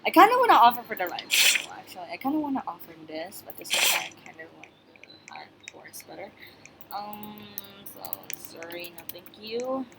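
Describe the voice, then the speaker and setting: A woman's voice: mid-range voice, sing-song, normal speed. Rambling woman gaming host, noisy recording. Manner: rambling and hesitant, many fillers and restarts; chatty, talks straight to viewers. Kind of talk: casual gameplay commentary. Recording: clear background noise with clicks.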